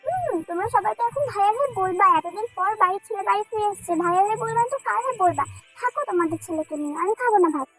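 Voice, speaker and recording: Woman as a touchy teenage girl, very high-pitched and pouting, for a dubbed fan drama. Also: fairly bright tone, faint music behind, rough recording. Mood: angry. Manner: pouting, quick to take offence. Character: sulky, hot-tempered teenage girl in love.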